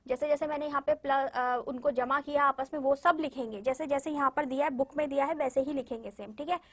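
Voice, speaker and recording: A woman with a high-pitched voice leads a children's class. She breaks words into slow, careful syllables and speaks to the little ones directly, patient and encouraging throughout. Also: fairly even intonation. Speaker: primary school Hindi teacher. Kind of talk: online class lesson for young children.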